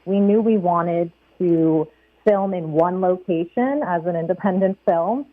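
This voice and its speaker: A young woman filmmaker calmly explaining her work in an interview. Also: lowish voice, measured pace, no echo. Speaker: filmmaker guest. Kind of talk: interview answer. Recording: tinny phone line.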